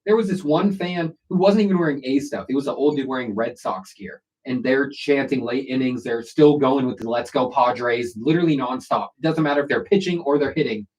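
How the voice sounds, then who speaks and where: A man's voice: mid-range voice, fairly quick, hardly any pauses, darkish tone, poor audio. A young man from Sacramento, California co-hosting a casual sports chat and telling rambling stories full of "like.". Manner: rambling storyteller, heavy use of "like". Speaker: sports show co-host.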